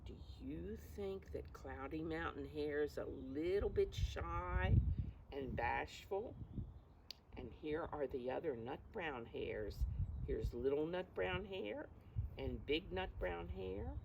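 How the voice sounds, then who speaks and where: Her voice low, creaky, and animated, a woman reads a picture book to young children over background noise. Addressing them slowly in simple terms, she explains what's happening and puts questions to them.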